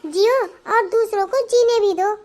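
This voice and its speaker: A woman voicing a headstrong young bride in a cartoon, talking back sharply in a very high voice. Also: moderate pace, darkish tone, a little hiss or hum. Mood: defiant. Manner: defiant, talks back sharply. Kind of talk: Hindi cartoon voice acting.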